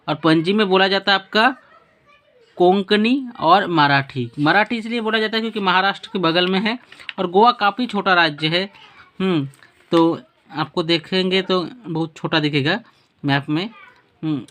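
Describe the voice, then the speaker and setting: A male teacher with a high, sharp voice gives a spoken lesson using a map. He asks questions and answers them himself, repeats words, and corrects his own slips along the way.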